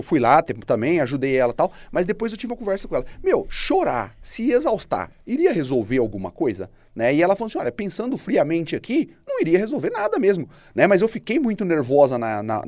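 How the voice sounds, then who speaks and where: A man's voice: a little high, a little mellow, dry recording. A man co-hosting a business podcast, talking casually and dropping frequent tag questions as he tells stories. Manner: conversational, filler-heavy, frequent "né?". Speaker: podcast co-host.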